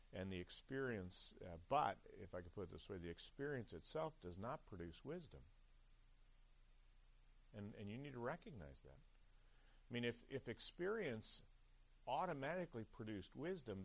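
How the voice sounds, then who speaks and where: A man preaching a chapel sermon at a seminary, talking conversationally with frequent "right?" checks and restarts. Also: fairly low pitch.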